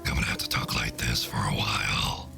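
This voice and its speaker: A demonic male voice grumbles in a very deep, breathy, gravelly whisper, as a man puts it on. Game music plays underneath. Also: level tone, brisk, full character voice. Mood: grumbling. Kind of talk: gaming commentary in a put-on voice.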